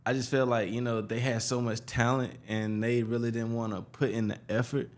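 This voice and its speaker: A man's voice: medium pitch, little pitch movement, brisk. Man, slangy casual talk. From Mississippi, United States. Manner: informal and slangy, frequent 'you know' and 'bro'. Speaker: podcast guest, brand founder. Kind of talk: casual podcast chat.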